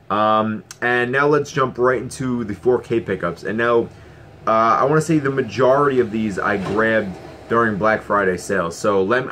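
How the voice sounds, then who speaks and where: A man's voice: lowish voice, fairly bright tone, slight background noise. A man casually vlogging about his Blu-ray collection, enthusiastic and rambling with fillers and restarts. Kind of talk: casual collection haul vlog.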